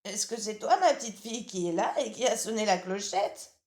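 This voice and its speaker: A woman's voice: mid-range voice, moderate pace, darkish tone, voice pushed up, lightly acted. A woman voicing a tired, frail old grandmother who is kind and chatty, with little laughs, from a storybook. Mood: doting. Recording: roomy echo.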